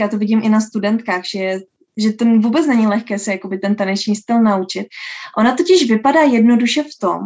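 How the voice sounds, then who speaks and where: Dance teacher, woman, mid-pitched, measured and thoughtful, on a dull lo-fi recording. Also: a little mellow. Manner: unhurried, thoughtful, frequent filler sounds. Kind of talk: interview answers. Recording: dull lo-fi sound.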